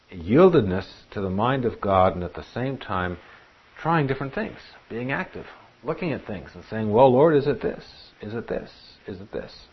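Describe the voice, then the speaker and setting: Low, husky male Bible teacher. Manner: earnest, rhetorical questions, reads scripture aloud. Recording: dull lo-fi recording.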